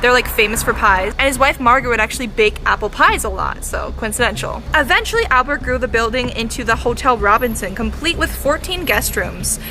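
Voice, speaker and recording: A woman's voice: on the high side, animated, a little fast, hardly any pauses, over music. A young woman in a casual, chatty ghost-hunting vlog, talking directly to spirits and to her viewers. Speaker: paranormal vlogger.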